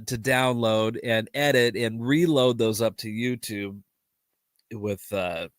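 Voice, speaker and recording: A man hosts a live podcast alone, chatting casually in a medium-pitched, fairly bright voice that's nasal and stuffed up from allergies. He rambles, restarts sentences and laughs often, on a dry, studio-quality recording.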